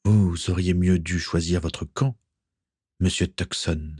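A man voicing a cold, haughty male pirate hunter who speaks in a measured, menacing way. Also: low-pitched, fairly even intonation, a little mellow, breathy edge, no echo, clean studio sound, exaggerated voice.

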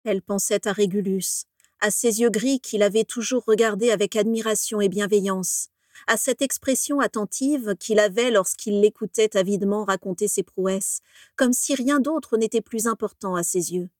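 A woman reads a story aloud with measured, dramatic pacing. Her voice sits at a middle pitch and is recorded dry and close, with no room sound. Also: no room sound. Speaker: narrator. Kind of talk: scripted narration of a story.

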